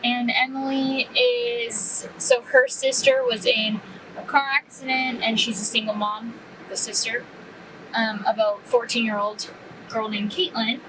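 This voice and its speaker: A woman's voice: fairly high pitch, flat delivery, unhurried. A woman chatting casually about a book while she drives, rambling with lots of fillers. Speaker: book vlogger. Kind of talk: casual chat while driving. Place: inside a moving car. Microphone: camera mounted in the car. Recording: distant camera mic, road noise.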